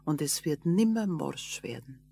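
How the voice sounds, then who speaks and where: A woman's voice: medium pitch, slow pace, natural voice. A woman doing a meek little forest woman. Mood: solemn.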